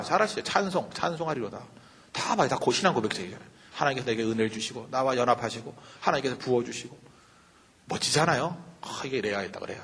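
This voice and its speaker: A man who is a pastor, giving a humorous sermon-style lecture, animated and joking, full of rhetorical questions. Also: fairly high pitch, husky, in a large hall.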